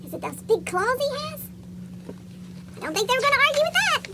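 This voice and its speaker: Squeaky cartoon chipmunk reading a storybook to kids, super high and bouncy pitch, really noisy audio. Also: sing-song, a little fast, full character voice. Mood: chirpy storytelling. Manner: asks young listeners questions. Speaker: story reader for children. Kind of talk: read-aloud picture book storytelling.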